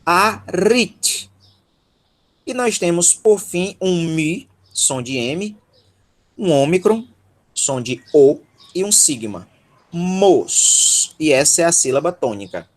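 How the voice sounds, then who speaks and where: A man's voice: a little high, expressive, slow pace, a little mellow. A man with a Brazilian Portuguese accent teaching Greek syllable by syllable in an online workshop, patient and encouraging, checking in with his students often.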